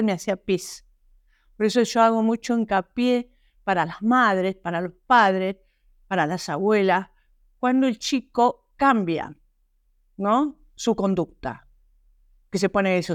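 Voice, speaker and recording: An Argentine woman, a guest author, telling her personal story in an interview, halting and earnest with frequent restarts. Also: medium pitch, no echo, studio quality. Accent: Argentine Spanish. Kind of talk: personal testimony in a podcast interview.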